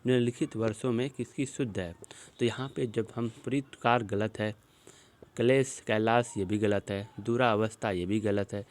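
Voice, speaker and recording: A man teaching an exam-prep lesson, working through spelling questions shown on a screen and slowly repeating each word as he explains it. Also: on the low side, fairly even intonation, darkish tone.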